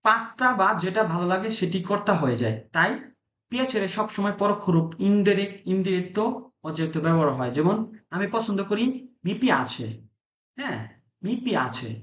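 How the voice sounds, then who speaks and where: Male online language teacher, high voice, echoey video-call sound, repeats and quizzes. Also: expressive, brisk, fairly bright tone. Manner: repeats words and phrases for students; asks students questions. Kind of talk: online class lesson.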